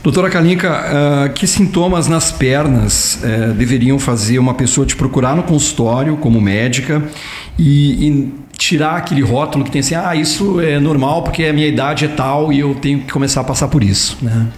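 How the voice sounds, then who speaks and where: A man's voice: mid-range voice, moderate pace, a little hiss or hum. Male host, hesitant questions, echoey room. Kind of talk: interview.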